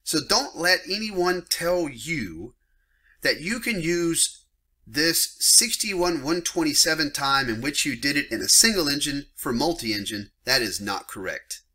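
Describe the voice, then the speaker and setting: A man in middle age walks viewers through regulations in a bright, forceful voice that rises and falls with plenty of life. He is blunt and emphatic, slipping into casual asides and getting fired up when he makes a point. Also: fairly high pitch, lively intonation, unhurried. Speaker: flight instructor. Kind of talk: screen-share lesson on aviation regulations.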